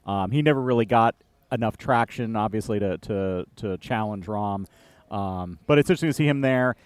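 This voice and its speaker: A man co-hosting a casual politics podcast, talking in a relaxed, halting way with many fillers and restarts. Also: lowish voice, clear, resonant tone, dry recording. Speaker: podcast co-host. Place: outdoor beer garden.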